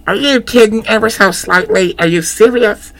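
Man putting on a squeaky gravelly kid. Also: normal speed. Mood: incredulous. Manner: incredulous, yelling. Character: excited scared boy, one of the gang.

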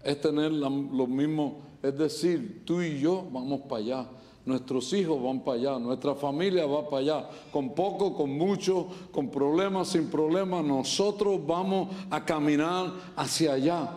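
At a church service, a Puerto Rican pastor delivers a humorous sermon in Puerto Rican Spanish, joking, telling stories and tossing in quick asides. His male voice is a little high with a dark tone.

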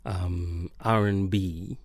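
Slow, soft-spoken man. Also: low-pitched, fairly even intonation, dry recording. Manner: soft-spoken, romantic, laughs often. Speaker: singer-songwriter guest. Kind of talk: relaxed studio chat.

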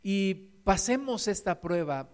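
A man's voice: sits high, expressive, takes it slowly, darkish tone. A man preaching a sermon, reading scripture and retelling it earnestly with many repeated words. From Mexico. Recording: long hall reverb.

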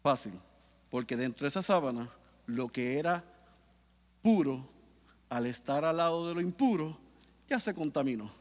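A man preaching a sermon, swinging from hushed talk to loud bursts and acting out quotes. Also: fairly high pitch, lively intonation, moderate pace, long pauses, big-room sound. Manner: acts out Peter's voice in quotes. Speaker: pastor.

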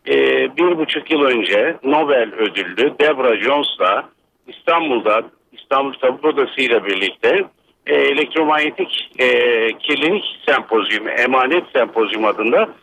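A man from Bursa, an electrical engineer, calling a radio show over a landline phone and explaining in a measured, lecturing way with many hesitant fillers. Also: mid-range voice, lively intonation, a bit bright, dry recording. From Bursa, Turkey. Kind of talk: explanatory call-in commentary. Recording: dull lo-fi phone line.

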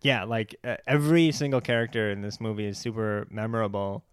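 A young man co-hosting a casual film chat, relaxed and talkative with many fillers and easy laughter. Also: fairly low pitch, brisk, smooth, no echo, studio quality. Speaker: podcast co-host.

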